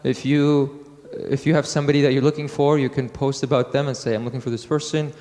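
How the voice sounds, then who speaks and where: A man from Iraq giving a technical conference talk, halting with fillers and restarts. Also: mid-range voice, little pitch movement, warm tone. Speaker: conference speaker. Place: conference hall. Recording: hall with long reverb.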